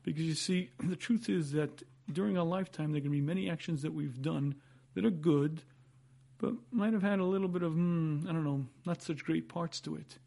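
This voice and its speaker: A man teaches a religious class. His voice is slightly high yet soft-edged and mellow, with a husky rasp and frequent throat clearing. He explains emphatically, using repetition and rhetorical questions. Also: a little fast. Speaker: rabbi giving a Torah lecture.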